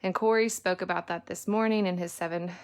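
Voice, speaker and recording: A woman's voice: fairly low pitch, steady tone, a little fast. A woman chatting casually as she leads a painting lesson in her home studio, talking through each step. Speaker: lettering teacher and mother.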